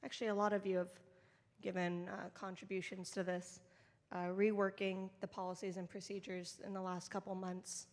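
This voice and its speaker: A woman's voice: mid-range voice, flat delivery, normal speed, darkish tone, long reverb tail. A woman who leads a children's ministry, speaking informally to a group of volunteers at a training session in a church meeting room. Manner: informal and conversational, addressing a group.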